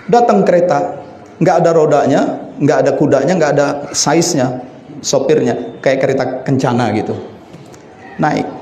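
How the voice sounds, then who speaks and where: A middle-aged man preaches in storytelling mode. His pitch swings widely and his tone stays dark and mellow. The echoey room carries a faint hum of ambience. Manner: vivid storytelling with sudden high excited bursts; calls himself the one telling a sick man's story. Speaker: Sufi preacher. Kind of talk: sermon storytelling.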